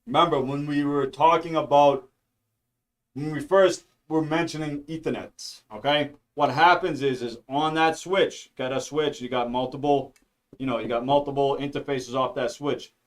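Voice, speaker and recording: A man's voice: on the high side, fairly even intonation, normal speed. A man teaching networking on a casual live stream, rambling and jokey, checking in with "all right?" and "okay?" after nearly every phrase. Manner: jokey, mutters to himself.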